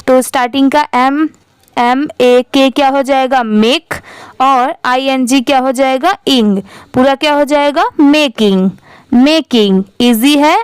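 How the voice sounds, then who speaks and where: A woman teaching English reading, spelling words letter by letter and blending them slowly while prompting students with questions. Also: sits high, dry recording. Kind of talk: step-by-step phonics lesson.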